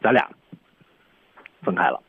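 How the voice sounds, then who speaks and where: Here a male radio teacher walks through English film lines, pointing out stressed words and tones from the studio. He speaks unhurriedly, and the sound is narrow and tinny with no echo.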